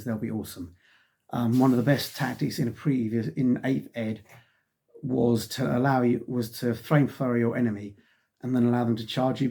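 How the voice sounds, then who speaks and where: The voice is a man's, mid-range, creaky, mellow and slightly rough. He's middle-aged, fighting off a cold that's taking his voice, and he rambles casually through a wargaming magazine review, sighing often and filling silences with ums.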